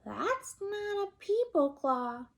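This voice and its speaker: A woman voicing a young girl in a storybook read-aloud, protesting slowly and emphatically that the baby is not right. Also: extremely high pitch, sing-song, vocal fry, voice pushed up, heavily acted. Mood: insistent.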